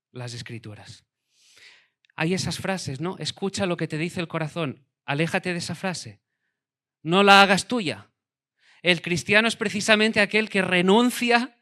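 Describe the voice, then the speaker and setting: Emphatic preacher, bright voice. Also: male voice, a little high. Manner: emphatic preaching, dropping to quiet for weight. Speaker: pastor. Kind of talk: sermon.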